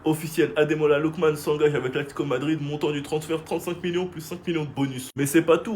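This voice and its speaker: A man's voice: a little high, a little hiss or hum. A man giving casual football commentary as a channel host, talking straight to his viewers. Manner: chatty, addresses viewers directly.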